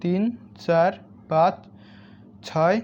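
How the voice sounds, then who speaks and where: Teacher counting stuff out loud for little kids, mid-pitched voice, kinda dull lo-fi audio. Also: little pitch movement, extremely slow. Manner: counts aloud item by item, addresses children directly. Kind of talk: step-by-step lesson for young children. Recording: slightly dull lo-fi sound.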